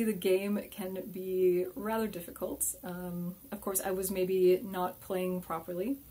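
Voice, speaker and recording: A young adult woman playing a solo board game and then reviewing it. She mutters quietly while she plays and turns chatty and upbeat when she reviews. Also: on the low side, husky.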